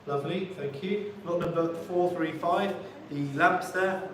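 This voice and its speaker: A man's voice: high voice, measured pace, fairly bright tone. Echoey male auctioneer calling bids in repetitive chant. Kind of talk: live auctioneering patter, repeating bids. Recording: very echoey room, distant mic, faint noise.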